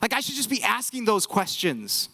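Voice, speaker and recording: A man's voice: high voice, normal speed, gravelly. A young man preaching a sermon as pastor, talking casually and acting out quotes in different voices. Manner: animated, conversational, acts out quotes.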